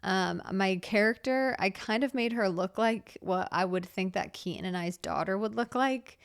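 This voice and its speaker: A young woman hosting a casual solo podcast, chatting in a rambling way with many fillers and restarts, and trailing off softly when she turns reflective. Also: mid-range voice, moderate pace, clear, resonant tone, no room sound, studio quality. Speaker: podcast host.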